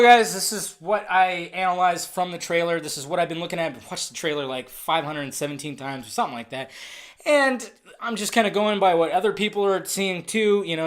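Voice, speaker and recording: A man giving a casual, ranting review of a movie trailer, excitable and profane, swinging between loud outbursts and muttered asides. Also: high-pitched.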